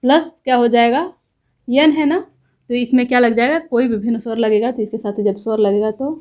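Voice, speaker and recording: A woman teaches a grammar lesson. Her voice sits a little high, and she explains patiently. She stops often to check that her listeners follow. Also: fairly even intonation, a little fast, darkish tone. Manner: explains step by step with repeated checks.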